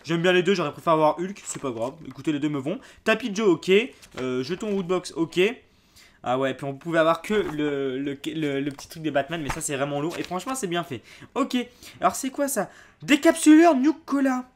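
A young man chatting casually as he unboxes a subscription box, excitable and quick to exclaim and laugh. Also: fairly high pitch, a little hiss or hum.

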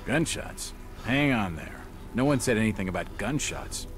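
An actor playing an irritable 1910s American detective in a noir game, curt and sardonic. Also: male voice, on the low side, lively intonation, a little slow. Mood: curt, annoyed. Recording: loud rain and vehicle noise.

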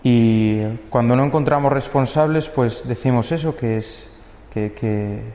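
A man's voice: mid-range voice, unhurried, warm tone, roomy sound, big-room sound, slight background noise. A young male priest giving an earnest homily, posing rhetorical questions.

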